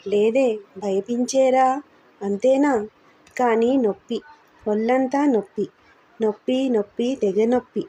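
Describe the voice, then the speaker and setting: A woman voicing a delirious, battered man, breathy and pleading. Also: a little high, fairly even intonation, unhurried, pauses often, dark tone. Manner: broken, pleading, repeating words. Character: battered terrified middle-aged man in delirium.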